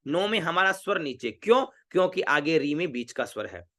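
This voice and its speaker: A man teaching Vedic chanting in an online class, patiently repeating each syllable slowly and correcting pronunciation over a video call. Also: on the high side, very animated, a bit bright.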